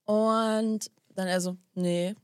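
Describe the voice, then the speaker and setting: A woman's voice: medium pitch, fairly even intonation, slow pace, clear, resonant tone, dry recording, clean studio sound. A young woman casually telling a story to her co-host, acting out both sides of the dialogue and dropping English slang into her talk.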